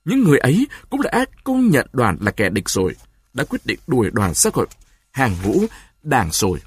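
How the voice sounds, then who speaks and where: A man narrating a story in an expressive, dramatic reading. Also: mid-range voice, moderate pace, slightly rough, no room sound, studio quality.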